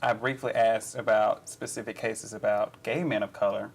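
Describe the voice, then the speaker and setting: A man hosting a casual group discussion, speaking in a halting way with fillers and restarts. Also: fairly low pitch, fairly even intonation, gravelly. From Alabama. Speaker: host.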